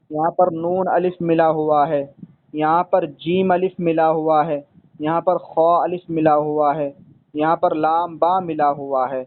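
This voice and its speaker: High-voiced guy teaching arabic letters, patient, keeps repeating stuff, sounds like it's over a tinny phone line. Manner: patient, repeats points, calls the student son. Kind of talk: one-on-one lesson.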